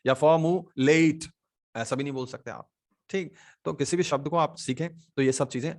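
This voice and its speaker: Indian man teaching English pronunciation. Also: medium pitch. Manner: explains slowly, repeats example words, frequent "है ना" and "ठीक". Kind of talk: online English lesson in Hindi.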